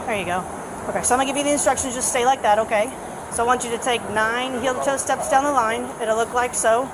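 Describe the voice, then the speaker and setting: A woman's voice: on the high side, fast. Firm woman officer on noisy bodycam. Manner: procedural, patient but firm. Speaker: police officer. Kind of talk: giving roadside test instructions. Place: outdoors at a roadside. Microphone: body camera. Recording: noisy outdoor bodycam, traffic around.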